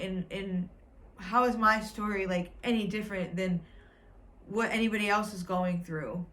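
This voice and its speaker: A young woman in her twenties talks straight to her viewers from home, candid and rambling. She gets emotional as she goes and keeps talking through it, at a middle pitch for a woman. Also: fairly bright tone. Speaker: vlogger. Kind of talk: personal vlog storytelling. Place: at home indoors.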